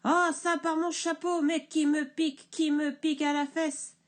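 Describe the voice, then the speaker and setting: Woman doing a furious shouting woodcutter. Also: high voice, moderate pace, lightly acted. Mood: outraged. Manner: shouting, indignant outbursts. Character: big blustering male woodcutter, furious.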